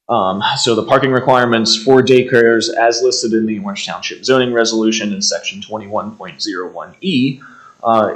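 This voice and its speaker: American guy, lowish voice, reading a formal staff report step by step, kinda halting. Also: fairly bright tone, low-quality recording. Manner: methodical, reading out figures and details with hesitations. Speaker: township staff member presenting a report. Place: indoor township meeting room.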